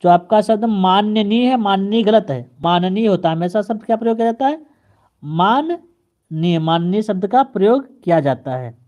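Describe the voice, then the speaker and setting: A man's voice: sits high, brisk. Male teacher drilling spelling corrections. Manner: repeats each correction in a steady drilling pattern; speaks straight to the viewer. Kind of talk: exam-prep grammar lesson.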